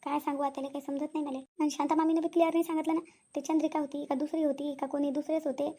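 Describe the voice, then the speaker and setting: Fretful young cartoon wife, Vidarbha accent, high and quiet, talking to herself; one actor voices her. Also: flat delivery, rapid-fire, natural voice. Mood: worried. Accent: Vidarbha Marathi. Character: worried young wife, soft and hesitant. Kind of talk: cartoon voice acting.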